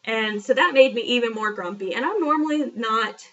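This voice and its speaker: A young woman with a slightly high voice talks through a personal story in a frank, chatty vlog, full of fillers and little asides. She sits back from the camera, so the sound is a bit distant. The recording itself is dull and lo-fi. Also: normal speed, sharp tone. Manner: chatty, frank and self-deprecating, with many fillers. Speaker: vlogger. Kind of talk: casual storytelling.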